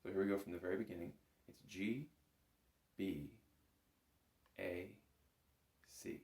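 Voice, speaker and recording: Speaking unhurriedly in a deep, darkish voice with fairly even intonation, a man instructs a student on bagpipes step by step. He keeps it informal, patient, and encouraging, and the recording carries a roomy echo.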